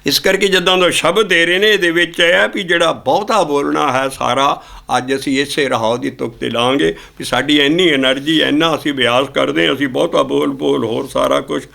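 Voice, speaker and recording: Male Sikh preacher, gravelly and a little high, explains the scripture and sings it. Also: fairly even intonation, fairly quick, hardly any pauses, sharp tone. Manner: explains scripture lines, then sings them. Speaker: kirtan singer and preacher. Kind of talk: Sikh sermon with hymn singing.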